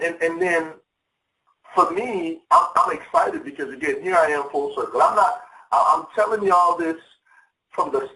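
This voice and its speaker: Echoey, distant fired-up man on a call. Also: fairly high pitch. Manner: excited, repeats words often, says "y'all". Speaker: guest speaker on a sales call. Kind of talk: enthusiastic motivational call talk. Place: home office. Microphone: phone or conference line. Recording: echoey, far from the mic.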